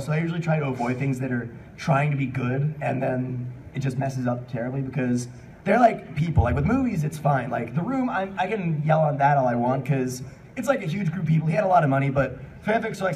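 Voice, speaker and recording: Fairly high in pitch with a darkish tone, this man hosts a live fan panel, chatting casually in a rambling, jokey, unscripted way while fielding audience questions. He's picked up on a distant mic in a noisy panel room.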